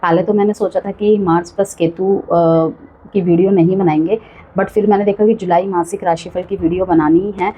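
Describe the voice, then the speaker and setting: A woman's voice: lowish voice, steady tone, normal speed, mellow, slight background noise, low-quality recording. A woman giving a chatty monthly tarot horoscope reading, full of warnings and frequent check-ins with the listener. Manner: chatty, cautionary, repeats "ठीक है" often. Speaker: tarot reader.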